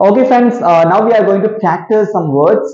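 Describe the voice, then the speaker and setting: A man's voice: high-pitched, extremely slow, darkish tone. A man teaching English pronunciation, drilling sounds over and over and checking in with "okay?" and "right?" after each step. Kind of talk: classroom-style pronunciation lesson. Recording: echoey room, dull lo-fi sound.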